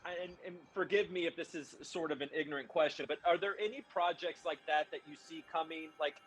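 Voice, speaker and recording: Hesitant man moderating with slightly high voice. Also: steady tone, quick pace, fairly bright tone, breathy edge, faint music behind, rough recording. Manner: hesitant, polite questions full of fillers. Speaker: moderator asking questions. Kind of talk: online panel discussion.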